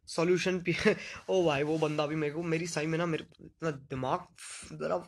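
A young man with a slight Punjabi accent hosts a live stream, answering viewer comments in loose, joking banter. His voice sits a little higher than most men's, and his talk is relaxed and playful. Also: moderate pace. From Delhi region, India.

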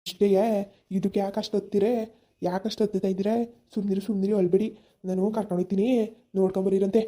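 A woman's voice: medium pitch, little pitch movement, rapid-fire, dark tone, natural voice. A woman voicing a kind young village man in a cartoon, insistent and reassuring. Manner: insistent, reassuring, talks over worries. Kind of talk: cartoon voice acting.

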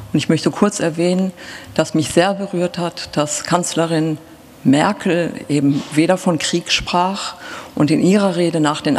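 Middle-aged woman author, German, reflective and halting, live in a reverberant theatre. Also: sits low, a little mellow. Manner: thoughtful, halting, with pauses and fillers. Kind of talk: reflective talk before a reading. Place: large theatre stage. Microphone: stand mic, seated. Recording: reverberant hall.

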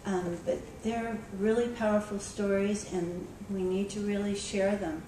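A woman's voice: mid-range voice, steady tone, measured pace, warm tone. A woman librarian giving a conversational conference talk, telling a story with frequent ums and restarts. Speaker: school librarian speaking at a conference. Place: conference room. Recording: echoey hall, recorded from far off with background noise.

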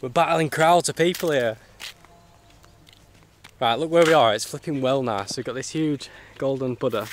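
A man's voice: mid-range voice, moderate pace, pauses often. A man chatting casually to camera as a travel vlogger, colloquial and matey, with mild swearing. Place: outdoors on rural roads and temple grounds. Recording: outdoor ambient and motorbike noise.

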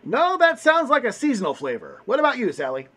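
A man's voice: very high-pitched, huge pitch swings, brisk, bright, forceful tone. A man hosting a puppet comedy game show with a bombastic showman manner. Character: orange furry host puppet.

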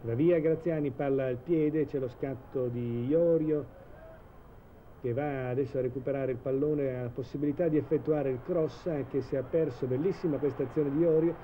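A man giving measured live football commentary in a 1980s TV broadcast style, hesitating now and then mid-sentence. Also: mid-range voice, phone-quality sound. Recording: old TV broadcast, steady stadium noise.

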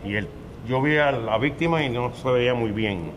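An older man, a little fast and medium-pitched, recounts what he witnessed in a hesitant street interview, retelling it plainly with fillers. He stands on a covered sidewalk outdoors beside a street, with traffic noise audible behind him.

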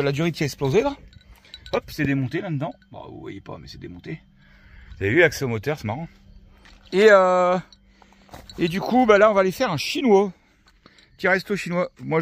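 A man from France vlogging in a relaxed, chatty way, full of fillers, filming with a handheld camera near his van. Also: a little high. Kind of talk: casual vlog chat.

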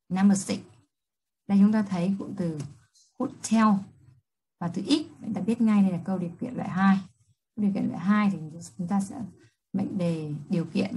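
A woman English teacher with a Vietnamese accent, reading test questions slowly and then explaining each answer quickly. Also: lowish voice, mellow, slight background noise, low-quality recording. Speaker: high school English teacher. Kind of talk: exam review lesson.

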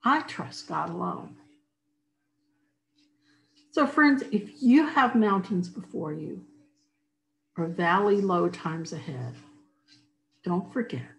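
A woman's voice: fairly low pitch, slight background noise, rough recording. A woman reading a rhyming children's Bible story aloud as a church storyteller. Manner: slow, rhyming storybook telling.

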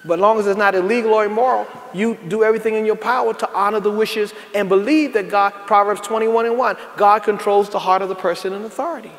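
A man's voice: high-pitched, fairly even intonation, fast, few pauses. A man preaching a sermon as pastor, folksy, calling out to the congregation and rising into emphatic bursts. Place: large church sanctuary. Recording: echoey church hall with faint noise.

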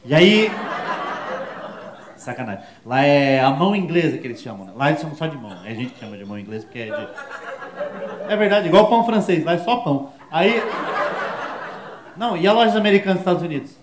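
A Brazilian man with a Brazilian accent doing a stand-up comedy set, animated and full of crude slang, shouting his punchlines. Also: on the high side, fast, pauses often, reverberant, crowd noise. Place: comedy show stage before an audience.

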